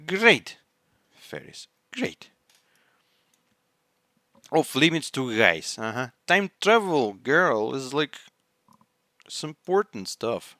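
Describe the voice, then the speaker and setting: A man whose first language isn't English hosts an anime reaction channel, speaking casually and rambling as he hunts for words. His medium-pitched voice is very animated, pushed and bright, with a slow pace and frequent pauses, recorded in clean studio sound with no room ambience.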